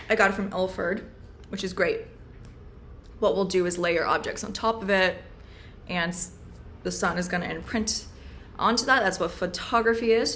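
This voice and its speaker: A woman's voice: mid-range voice, a bit bright, slight background noise. A young woman talking casually in a video journal, chatty and rambling, recorded on a laptop's built-in mic at home. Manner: chatty, rambling, self-aware. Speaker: vlogger.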